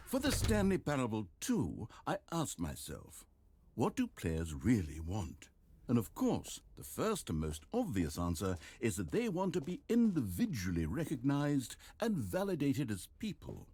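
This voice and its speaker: Casting: smug, theatrical video game narrator, husky, wildly swinging pitch. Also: male voice, a little slow, dry recording, heavily acted. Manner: dry, mock-earnest, swings into exaggerated excitement.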